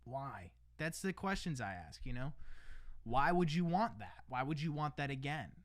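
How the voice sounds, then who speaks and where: A man's voice: mid-range voice, sing-song, moderate pace, dry recording, studio quality. A man talking casually on his livestream, rambling with lots of restarts, tossing in "bro" and "man" and laughing between lines. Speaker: livestream host.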